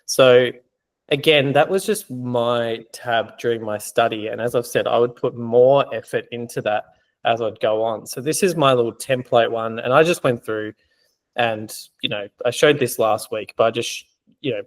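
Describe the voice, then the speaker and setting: A man's voice: medium pitch, moderate pace. A man working as an exam prep tutor, explaining in a conversational way with many fillers during a casual teaching Q&A.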